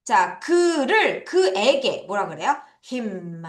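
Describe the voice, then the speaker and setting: A woman teaching vocabulary to children in a high, lively voice that swings widely in pitch. She drills each word slowly, stretching it out for the children to repeat, and laughs often. The room gives the voice a noticeable echo. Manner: lively, drawn-out call-and-response drilling. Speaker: English teacher.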